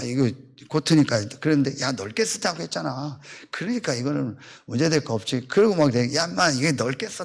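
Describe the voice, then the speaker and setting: A pastor in his fifties telling a personal story in a sermon, acting out the back-and-forth of conversations in a blunt, colloquial way. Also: mid-range voice. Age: 50s. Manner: animated storytelling, acting out both sides of conversations.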